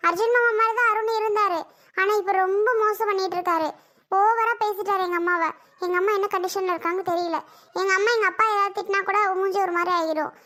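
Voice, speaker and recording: Indignant young daughter-in-law, put on super high and bright, whiny and defiant, family comedy skit. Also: steady tone, quick pace. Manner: indignant, complaining.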